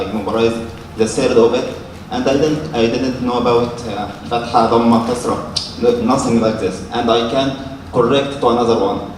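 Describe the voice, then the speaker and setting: An Egyptian man whose native language is Arabic speaks with an Egyptian accent at medium pitch, arguing from the audience during an unscripted question from the floor. His speech is very halting and repetitive, and he keeps seeking confirmation with "okay" and "yes." The recording comes from a large, very echoey lecture room, picked up by a distant mic with faint noise.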